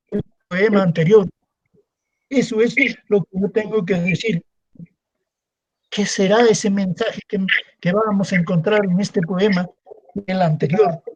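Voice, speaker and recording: The highs are cut off in this recording of a male secondary school teacher with a high-pitched voice giving an online class. He repeats his points and poses rhetorical questions only to answer them himself.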